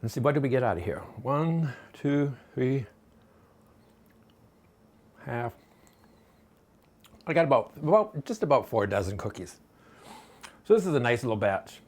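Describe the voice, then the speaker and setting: Folksy home-cook man, chatty and rambling, mid-pitched voice, casual kitchen demo. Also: sing-song, unhurried, pauses often, darkish tone. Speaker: home cooking vlogger. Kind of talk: casual recipe demonstration.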